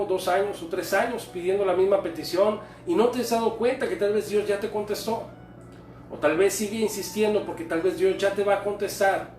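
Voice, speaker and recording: A man preaching a sermon in an earnest, repetitive cadence. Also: high-pitched. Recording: roomy, distant, faint music behind.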